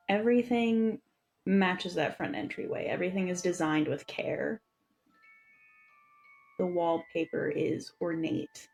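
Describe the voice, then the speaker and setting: A woman with a lowish voice narrates a tabletop adventure as dungeon master. She lingers over the scenery in an unhurried, descriptive way. Faint music plays underneath. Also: a little mellow.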